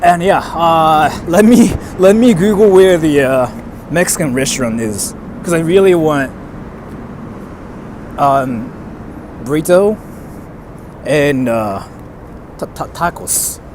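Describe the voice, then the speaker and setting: A young man, bilingual in English and Japanese, livestreams while walking outdoors, rambling casually and reading out viewer comments. His voice is a little high and slow, with frequent pauses, over faint street and traffic noise.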